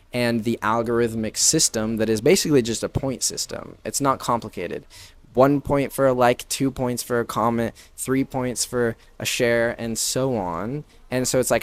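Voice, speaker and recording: A man in his twenties, a podcast guest who runs a branding business, speaking in a casual conversational way that is full of "like" and "right?". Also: fairly low pitch. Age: 20s. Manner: filler-heavy, frequent "like" and "right?" tags.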